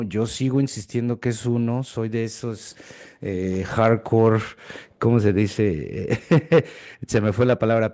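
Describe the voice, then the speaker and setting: A man from Mexico, interviewing a teacher in a chatty, animated way. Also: medium pitch. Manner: animated, talkative, addresses guest as "profe". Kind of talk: casual interview chat.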